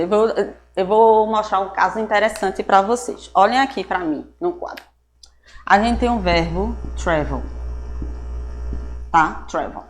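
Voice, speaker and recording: A woman's voice: medium pitch, slight background noise. Woman teacher with a Brazilian accent. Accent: Brazilian Portuguese. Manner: explains step by step, often checking understanding with "tá?"; mixes English words into Portuguese explanations. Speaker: English teacher. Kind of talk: recorded classroom lesson. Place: teaching at a board.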